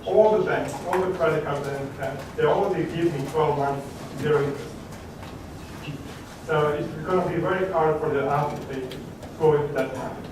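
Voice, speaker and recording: Man, conference speaker, halting answers, far from the mic in a reverberant room with background noise. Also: fairly high pitch. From Croatia. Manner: hesitant, many fillers and restarts. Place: large conference hall. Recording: echoey hall from a distant mic, background noise.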